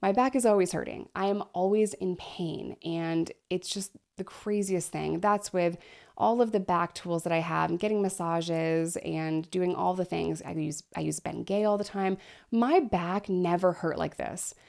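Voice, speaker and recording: A woman in her thirties talks candidly into her desk microphone for a personal vlog. Her voice sits low, with a gravelly fry at the edges. She is short of breath and keeps pausing for deep breaths as she chats. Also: a little mellow. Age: 30s. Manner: frank, chatty, breathy pauses for deep breaths. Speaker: vlogger.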